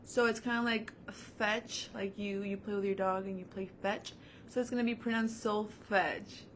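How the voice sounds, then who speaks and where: A woman's voice: mid-range voice, steady tone, moderate pace, slight background noise. A young adult woman, a music teacher, giving a recorded online lesson to children in an upbeat, encouraging way, with many fillers, seated at home before her camera. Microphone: camera mic.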